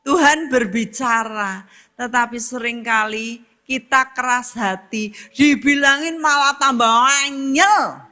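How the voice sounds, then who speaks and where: A woman's voice: fairly high pitch, slow pace, sharp tone. A woman preacher, giving an emphatic sermon, repeating her phrases and speaking straight to her congregation.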